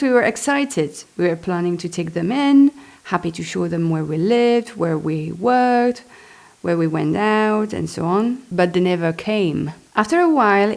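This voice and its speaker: With a lowish voice and noticeable vocal fry, a Belgian woman reads aloud from her own memoir. French is her native language and her accent is Belgian French, and she keeps the reading chatty and expressive, sprinkling in impromptu asides.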